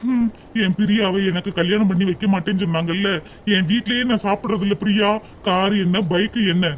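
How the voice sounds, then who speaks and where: A man voicing a tender young lover, very high. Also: fairly even intonation, brisk, slight background noise, lightly acted. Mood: earnest. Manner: tender, reassuring. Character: soft-hearted rich young man, devoted lover.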